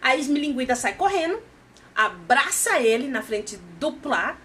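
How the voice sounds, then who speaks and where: Woman, Brazilian Portuguese accent, casual recap, lively storytelling, slightly high voice, faint background noise. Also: measured pace. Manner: animated storytelling, acting out characters' lines. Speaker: series recap host.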